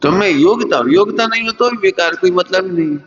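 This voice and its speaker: Male preacher, earnest sermon delivery, somewhat raised pitch, long hall reverb. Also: brisk, fairly bright tone. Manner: earnest teaching tone with rhetorical questions. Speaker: Jain preacher. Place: lecture hall. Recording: dull recording in a reverberant hall.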